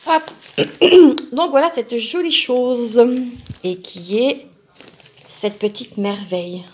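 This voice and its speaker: A woman's voice: a little high, slow, darkish tone. A woman hosting a crafting channel, chatting casually as she unboxes products, musing aloud to herself with lots of fillers.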